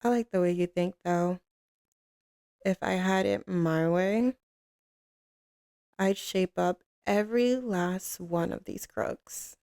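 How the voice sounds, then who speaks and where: A woman playing a tough, commanding mafia boss with a tender side for a lover, in an intimate ASMR roleplay, with a gravelly, creaky voice and a cool drawl. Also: mid-range voice, warm tone, dry recording, clean studio sound. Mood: fond, amused. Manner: cool, unhurried, commanding drawl with pet names.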